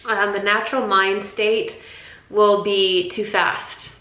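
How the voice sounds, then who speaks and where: Bright-voiced woman in an echoey room. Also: mid-range voice, flat delivery, slow pace. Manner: rambling, conversational, repeats words and restarts. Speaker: intuition teacher. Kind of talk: casual spiritual teaching talk.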